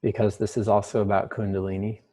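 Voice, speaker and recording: A man leading a guided meditation with the slow, hushed delivery of a mystical healer. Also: lowish voice, level tone.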